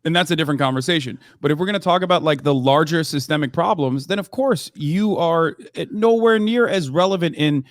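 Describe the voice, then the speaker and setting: A man's voice: fairly high pitch, fairly quick, hardly any pauses, no room sound. A man who grew up in Turkey, a commentator debating on a live stream, hesitant with many fillers and restarts, swearing now and then.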